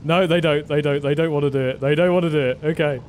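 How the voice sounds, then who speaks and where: A man's voice: fairly high pitch, steady tone, fast, a little mellow, slight background noise. A man commentating his own flight-combat gameplay, laughing often and cracking up at his wins. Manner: giggly, breaks into frequent laughter. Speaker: gaming commentator.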